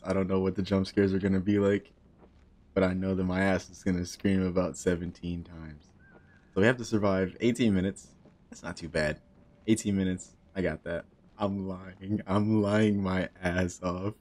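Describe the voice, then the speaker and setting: A young man in his twenties streams a horror game on a headset mic, joking nervously and talking to himself in casual horror game commentary. He's a gaming streamer with a low, slightly mellow voice.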